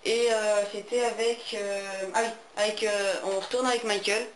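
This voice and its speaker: A man's voice: sits high, little pitch movement, normal speed. Teen guy, hesitant console tutorial, echoey room, faint background hiss. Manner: hesitant, many fillers. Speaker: gaming tutorial maker.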